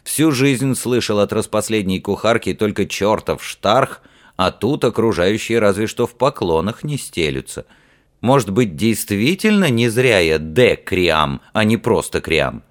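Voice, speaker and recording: A man reading an audiobook voices an earnest, plain-spoken ship's officer and mage who is weary after a hard night. His voice is lowish, sing-song, and unhurried, pitched above his own natural voice.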